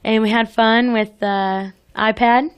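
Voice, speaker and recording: A woman's voice: a little high, fairly even intonation, slow, clear, resonant tone, lo-fi sound. A woman co-hosting a radio show, chatting casually and laughing often in an easygoing way. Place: radio studio.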